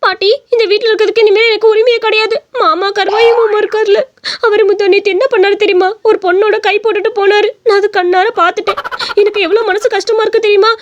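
High whiny young wife for a cartoon, voiced by a woman, quick and sharp. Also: dull audio. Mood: tearful. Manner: wailing, self-pitying complaints. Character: tearful young village wife.

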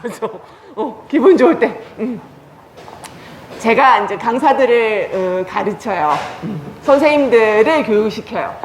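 Lively Korean woman leading senior recreation. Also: on the high side, a little slow. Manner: cheerful chants and cues, talks down to elders warmly. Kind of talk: leading a group clapping exercise. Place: day care center activity room. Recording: echoey room, faint noise.

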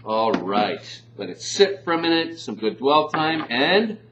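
Middle-aged male spokesman, playful and animated demo patter, lo-fi sound. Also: fairly high pitch, unhurried. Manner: jokey, animated, talks with mouth full at times. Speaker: company spokesman. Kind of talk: playful sales demo talk. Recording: dull lo-fi sound with faint hum.

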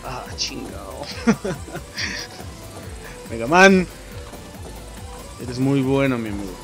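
A young man with a Mexican Spanish accent giving casual, excitable gameplay commentary, swearing and yelping at the game. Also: medium pitch, slow pace. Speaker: gameplay streamer. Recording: game music in the background.

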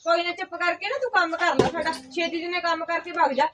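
A woman's voice: very high-pitched, fairly even intonation, a little fast, distant mic, noisy background. A woman playing a stingy, impatient village housewife who orders her hired help around brusquely. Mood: bossy. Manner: brusque, dismissive, nagging. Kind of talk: amateur village drama.

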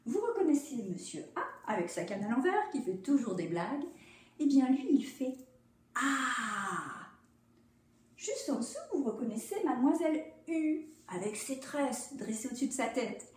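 A woman teacher giving a phonics lesson for young children, in an animated storytelling tone and drawing out each vowel sound. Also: high-pitched, moderate pace. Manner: stretches out demonstrated vowel sounds. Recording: echoey room, voice from a distance.

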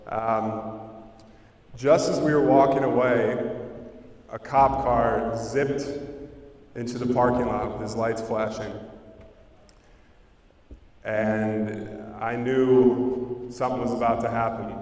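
A young man tells a personal story to a school audience in a flat, even tone, taking his time with pauses and fillers. He is heard from a distance in a large auditorium, and his voice rings with a long hall echo. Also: medium pitch. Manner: earnest, unhurried, with pauses and fillers. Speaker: speaker at a school assembly. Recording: roomy, distant hall sound.

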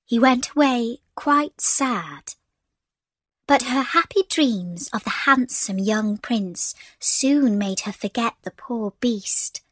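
Slow, gentle woman storyteller. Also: on the high side, no room sound. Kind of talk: scripted storybook narration.

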